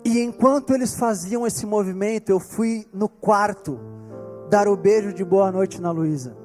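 Male Brazilian pastor, high-pitched and dark in tone, earnest preaching with slow emphasis, faint music underneath. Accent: Brazilian Portuguese. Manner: earnest storytelling, slowing down for emphasis. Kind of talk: storytelling sermon.

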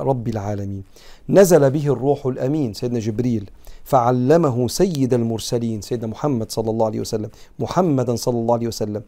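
A man's voice: mid-range voice, gravelly, mellow. A man with an Egyptian Arabic accent giving a religious lesson, moving between quoted classical text and earnest, conversational explanation. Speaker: preacher teaching a creed text.

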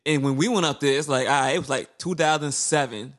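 A young man chatting casually, telling stories with lively acted-out reactions. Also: fairly high pitch, fast talker. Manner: animated storyteller who acts out his own past reactions. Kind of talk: casual chat.

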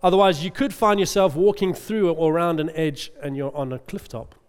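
Speaking briskly with fairly even intonation, this middle-aged preacher keeps his sermon chatty and often checks in with the congregation. His voice leans high and sounds clean, echoing with the long reverb of a big hall.

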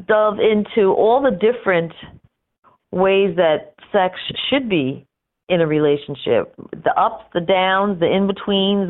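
A woman hosting an interview, affirming her guest often and using many fillers. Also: medium pitch. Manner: affirming, repeats "right", fillers. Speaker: interview host. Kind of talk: conversational interview. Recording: tinny phone-line sound.

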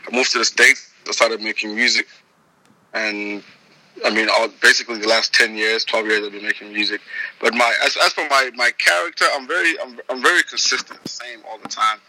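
A man's voice: fairly low pitch, brisk, poor audio. A young man from Zimbabwe, a music producer, talking casually as an interview guest with lots of restarts and fillers. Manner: relaxed, rambling with many restarts.

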